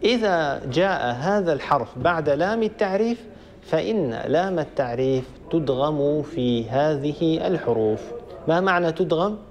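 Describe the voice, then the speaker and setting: A man, a sheikh, giving a recitation lesson, slowly drilling examples and rising in pitch on questions. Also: lively intonation, muffled recording. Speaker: sheikh teaching Quran recitation.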